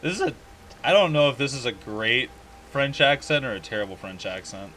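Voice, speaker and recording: A man's voice: mid-range voice, expressive, fairly quick, pushed and bright, slight background noise. A man streaming a video game, giving casual commentary with joking reactions. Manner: joking reactions, frequent laughter.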